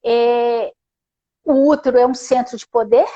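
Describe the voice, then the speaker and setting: A high-pitched woman takes her time, speaking gently and leaning on little questioning tags as she shares spiritual reflections. The audio is dull and lo-fi, as over a video call. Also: steady tone. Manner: soft, unhurried, tags phrases with "né?". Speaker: guest therapist. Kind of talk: casual spiritual conversation.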